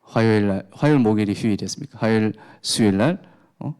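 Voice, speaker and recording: Pastor preaching with rhetorical questions. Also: male voice, fairly low pitch, fast talker, darkish tone, clear, resonant tone. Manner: rhetorical questions with emphatic rises; chatty, jokes about his home life. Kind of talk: sermon.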